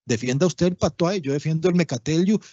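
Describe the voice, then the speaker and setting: A man's voice: a little high, quick pace, dark tone, dry recording. A man giving a public talk, explaining things patiently and often checking in with his audience. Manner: explanatory, keeps checking in with listeners. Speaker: lecturer. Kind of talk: public talk on language history. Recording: dull lo-fi livestream audio, dry.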